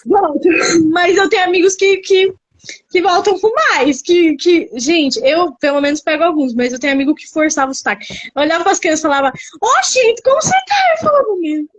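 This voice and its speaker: Excitable high-voiced young Brazilian woman. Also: a little fast. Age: young adult. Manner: excitable, repeats words for emphasis. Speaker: missionary and youth leader. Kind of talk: casual interview on a live stream.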